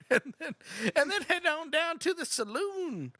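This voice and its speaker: A man puts on a high, drawling old cowboy voice that lingers lazily over every word. The tone is bright and lively, and it swings widely up and down. The sound is dry and close, with no room around it. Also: dry recording, exaggerated voice. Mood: rambling. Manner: slow, drawn-out exaggerated delivery. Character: drawling old rural male cowboy type.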